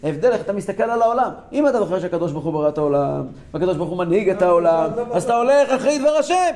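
Impassioned high-voiced man teaching Torah. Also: expressive, reverberant. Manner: impassioned, swings from loud exclaiming to low intensity. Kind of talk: Torah lesson to a group.

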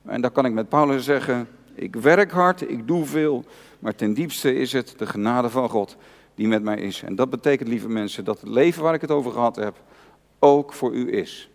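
A man's voice: medium pitch, moderate pace, gravelly. A male pastor preaching an earnest, personal sermon, repeating key phrases for emphasis. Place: church hall. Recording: long church reverb.

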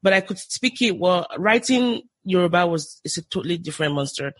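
A Nigerian woman with a Nigerian accent appears as a podcast guest, chatting casually and eagerly, enthusiastic and often restarting her sentences. Her voice is fairly low-pitched, animated and brisk, with no echo.

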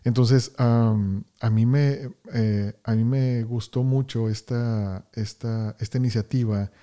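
A Houston-based podcast host with a mid-range, dark-toned voice takes his time, keeping his intonation fairly even. He greets listeners with energy during the interview and tends to repeat words.

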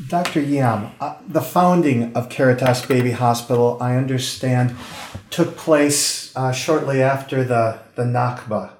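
A man's voice: medium pitch, a little slow, slight background noise. American male host, friendly and inquisitive interviewer, roomy echo on the voice. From United States. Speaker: radio host.

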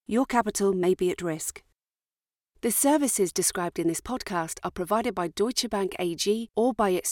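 A woman's voice: mid-range voice, no echo. Woman reading a formal legal disclaimer, dry sound. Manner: formal, steady reading of legal fine print. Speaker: disclaimer reader. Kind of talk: scripted legal disclaimer read.

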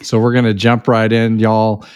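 A man's voice: fairly low pitch, completely flat delivery, normal speed, a little mellow, clean tone, no room sound, studio quality. A man co-hosting a casual podcast, chatty and upbeat, with folksy playful asides. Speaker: podcast co-host.

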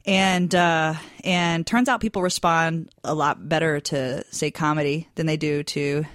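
A woman with a somewhat low voice talks casually as a guest, spinning personal stories full of fillers and quick laughs. The sound is dry and close. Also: fairly even intonation, fairly bright tone, no room sound. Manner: storytelling with frequent laughs and fillers. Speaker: podcast guest. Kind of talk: casual chat.

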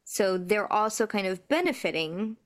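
Podcast co-host, woman, mid pitch, relaxed chatty recap full of "like" and "you know". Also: normal speed. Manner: easygoing, laughs often, many "like" and "you know". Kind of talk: casual episode recap.

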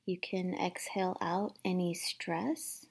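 A woman leading a guided meditation in a soft, soothing, unhurried manner, with long pauses between instructions. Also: on the low side, level tone, slightly rough. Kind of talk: guided meditation, instructing listeners to relax and breathe.

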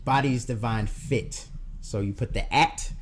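A man's voice: medium pitch, measured pace. Laid-back male podcast guest, faint background noise. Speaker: personal trainer, podcast guest. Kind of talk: casual podcast chat.

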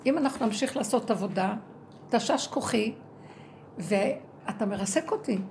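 Woman, fairly high and gravelly, delivering an emotional spiritual testimony with big swings in volume. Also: animated, a little hiss or hum. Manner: emotional, swings from low murmurs to loud cries; recounts inner dialogue in quoted speech. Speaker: speaker in a religious talk.

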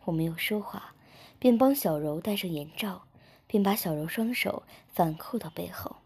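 A woman reads an erotic story aloud in a soft, intimate voice that slips often into a whisper. Her tone is breathy and husky, with a gravelly creak underneath. The delivery stays close and hushed throughout. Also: lowish voice, animated, moderate pace. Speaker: story narrator.

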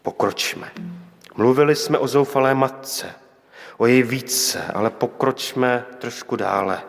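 A man preaching a reflective sermon at a middle pitch, with pointed rhetorical questions. His voice carries a long reverb from the church hall around him. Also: gravelly, faint music behind.

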